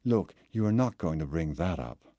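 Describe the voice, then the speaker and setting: A man's voice: sits low, expressive, normal speed, dark tone, no room sound, studio quality. A man voicing a tired, pregnant young woman in an audiobook, speaking with cheerful emphasis. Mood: warning.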